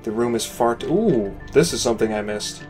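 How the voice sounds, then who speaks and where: A tired game station reviewer whose voice is going rambles through casual gameplay commentary, critiquing a player-built space station in a critical yet encouraging way, with lots of "you know" and "uh." His medium-pitched voice is expressive, fairly quick and a little mellow, with soft music in the background.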